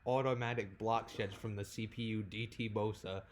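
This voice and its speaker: A man hosting a podcast in a fairly low voice. He keeps the casual chat easygoing, agreeing often and filling pauses with "uh" and "um.". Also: steady tone. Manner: easygoing, agreeing, with many fillers. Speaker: podcast host.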